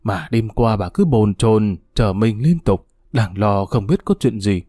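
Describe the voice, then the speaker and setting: A man's voice: on the low side, unhurried, dark tone, no room sound, clean studio sound. A man voicing a frail, sick old grandmother who scolds and grieves between coughs. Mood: gentle.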